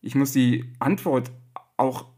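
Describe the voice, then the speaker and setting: A man's voice: mid-range voice, takes it slowly, mellow. A man co-hosting a podcast, asking questions in a friendly, easygoing way. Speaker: podcast co-host. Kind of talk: casual podcast chat.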